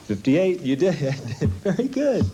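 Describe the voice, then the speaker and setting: A man's voice: on the high side, very animated, slow, warm tone. A man presenting an infomercial on location, informally quizzing people and sounding amused and impressed. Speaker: presenter testing students. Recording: noisy room on location.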